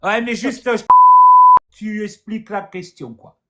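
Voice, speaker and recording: A man's voice: high voice, measured pace, very noisy. A man hosting a live stream who chats with callers in a joking, hesitant way full of fillers. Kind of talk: casual live chat with viewers. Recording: roomy echo.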